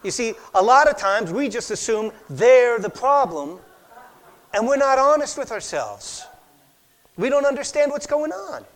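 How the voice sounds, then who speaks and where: A man preaching a sermon, telling anecdotes with lively acted-out quotes and sometimes dropping to a near whisper. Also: extremely high pitch, measured pace. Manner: animated storytelling, acts out quoted voices, drops to a near whisper for effect. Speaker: pastor.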